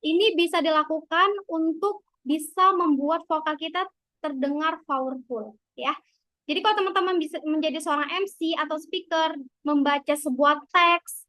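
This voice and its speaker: A woman's voice: high-pitched, sharp tone, no room sound. A woman lecturer giving a casual online lesson on public speaking, chatty and peppered with filler tags. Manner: chatty, frequent filler tags, acts out example lines. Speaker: university lecturer.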